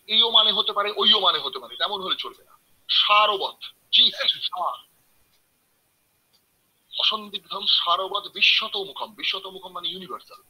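Bright, husky-voiced man lecturing. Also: sits high, rough recording. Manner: explanatory, addresses listeners directly, recites verses slowly. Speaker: professor giving a webinar lecture. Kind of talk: lecture on ancient mathematics. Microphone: video call.

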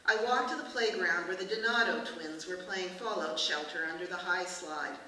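A woman author reading aloud from her novel at a book festival, in measured, expressive narration. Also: on the low side. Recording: echoey room from far off, hiss.

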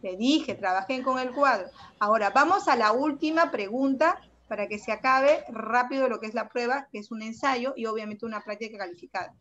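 A woman's voice: on the high side, brisk, few pauses, a bit bright. Woman teaching over a dull video call. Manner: patient, affectionate, firm. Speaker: secondary school language teacher. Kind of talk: online class. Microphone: computer mic on a video call.

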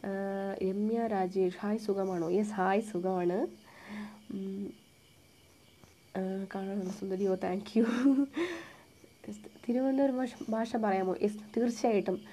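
A young woman with a Thiruvananthapuram Malayalam accent, chatting live and answering viewer comments in a soft, hushed voice with English words mixed in. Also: medium pitch, fairly even intonation, takes it slowly, pauses often, a little hiss or hum. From Kerala, India. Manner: soft-spoken, quiet, almost hushed; mixes English words into her talk.

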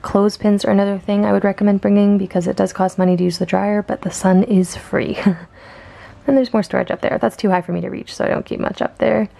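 Her medium-pitched voice is creaky yet warm, fast, and shows little pitch movement. The young adult student from Canada vlogs with a handheld camera, chatting casually with ums and small laughs as she walks through campus outdoors and then into her dorm room.

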